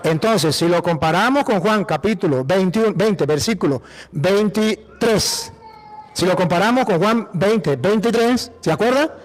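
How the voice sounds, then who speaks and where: A priest from Venezuela with a Venezuelan accent, preaching emphatically, repeating phrases and asking rhetorical questions. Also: male voice, high-pitched, expressive, a little slow. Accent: Venezuelan Spanish. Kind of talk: apologetic preaching.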